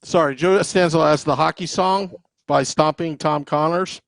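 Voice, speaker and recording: A man's voice: on the high side, steady tone, normal speed, no echo. Man, podcast host, reading listener notes, upbeat, filler-heavy, dry mic. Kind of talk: casual podcast chat.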